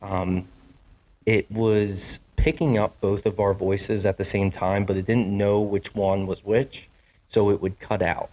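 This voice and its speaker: A man's voice: fairly low pitch, flat delivery, unhurried, a little mellow. A man hosting his own podcast from a home basement studio, talking casually, apologizing often and restarting his sentences. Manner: chatty, apologetic, with many fillers and restarts. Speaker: podcast host. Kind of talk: casual solo podcast talk. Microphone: studio microphone.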